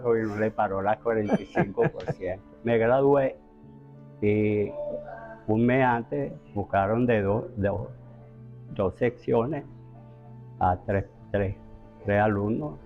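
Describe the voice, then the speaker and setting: A man's voice: lowish voice, phone-quality sound. Older Italian-born man, horse trainer. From Italy. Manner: relaxed, anecdotal, with restarts. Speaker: racehorse trainer. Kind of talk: interview storytelling.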